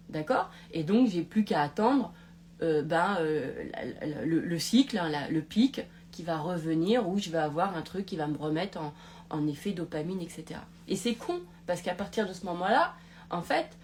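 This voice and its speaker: A woman's voice: medium pitch, a little hiss or hum. A woman hosting a live talk, rambling with many restarts and checking in with "d'accord?". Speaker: podcast host. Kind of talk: casual live-stream talk.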